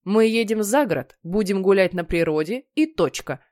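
A woman voicing a father who talks firmly and briskly. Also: mid-range voice, lively intonation, a little mellow, no echo, studio quality, natural voice. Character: cheerful but strict father.

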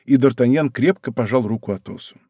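A man narrating an audiobook in an expressive, animated way. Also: medium pitch, a little fast, husky, dry recording, clean studio sound.

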